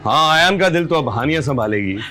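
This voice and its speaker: A man's voice: a little high, expressive, brisk, over loud music, lightly acted. An actor playing a playful young man who teases and courts a neighbor in a TV drama. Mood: teasing. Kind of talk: TV drama acting.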